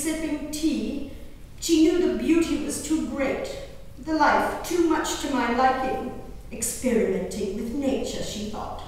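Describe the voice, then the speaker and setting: A high-pitched woman gives a theatrical dramatic reading of a diary, playing a grieving, wayward colonial-era gentlewoman and mother. She is emotive and deliberate, drawing out her words in a grieving, wistful mood. The live performance is in a large echoey hall, picked up by a distant mic with faint noise.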